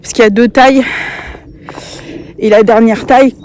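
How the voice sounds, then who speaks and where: A woman's voice: a little high, fairly even intonation, normal speed, a little mellow, a little hiss or hum. Chatty woman rambling with fillers. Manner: chatty, hesitant with many fillers, laughing asides. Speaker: craft vlogger. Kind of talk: casual knitting vlog chat. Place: outdoors on a walk, sunny day.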